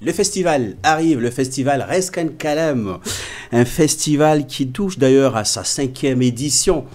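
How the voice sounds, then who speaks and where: A man's voice: mid-range voice, expressive, unhurried, darkish tone. A man hosting a radio interview, formal and full of hesitations. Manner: frequent hesitations, formal address. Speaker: radio host.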